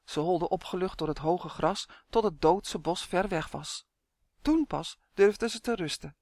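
A woman narrating a children's story in an expressive storytelling rhythm. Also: fairly low pitch, moderate pace, dry recording, clean studio sound. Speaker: audiobook narrator.

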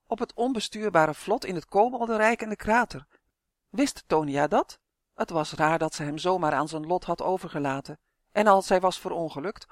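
A narrator reading a children's fantasy audiobook in a calm, expressive storytelling manner. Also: medium pitch, dry recording, clean studio sound.

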